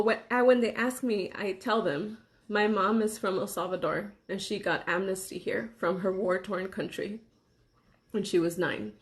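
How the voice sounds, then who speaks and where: A young woman from Los Angeles, speaking earnestly in a personal monologue to camera, pausing between phrases. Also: mid-range voice. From Los Angeles, USA. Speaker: vlogger.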